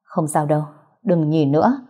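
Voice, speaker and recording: Woman voicing hurt young guy in a story, soft tender and weak, husky low voice. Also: lively intonation, normal speed. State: weak, breathing hard. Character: young man, wounded, gentle and protective.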